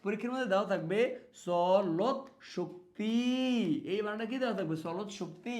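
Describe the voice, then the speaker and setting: A man's voice: sits high, rapid-fire. A man teaching an exam spelling lesson, speaking to students as friends and repeating words so they stick. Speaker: exam prep tutor.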